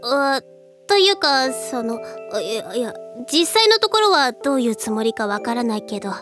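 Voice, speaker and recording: A woman's voice: a little high, very animated, normal speed, music in the background. A woman voicing an easygoing, friendly teenage girl with casual, wry remarks.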